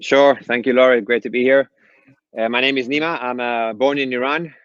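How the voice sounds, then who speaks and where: A man with a Spanish accent, briskly introducing himself as a startup chief on a conference panel. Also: medium pitch, steady tone, fairly bright tone, clean tone, no room sound, dull audio. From Spain.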